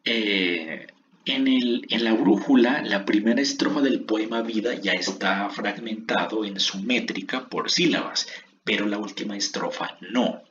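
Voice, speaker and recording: Slow-speaking male teacher, lo-fi recording. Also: fairly low pitch, a bit bright, slight background noise. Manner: slow, drawn-out syllable counting aloud. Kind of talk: classroom lesson on poetic meter.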